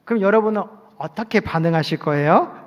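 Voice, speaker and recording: A male pastor preaching a sermon in an animated way to his congregation in a church. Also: sits high, a little fast, lo-fi sound. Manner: animated preaching, acting out short everyday quotes. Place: church sanctuary at a night service. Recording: long church hall reverb.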